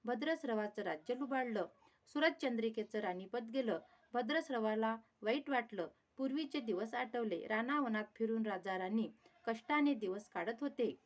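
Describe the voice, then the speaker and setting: A woman reading a devotional folk tale aloud in a steady, even narration. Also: a little high. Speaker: storyteller.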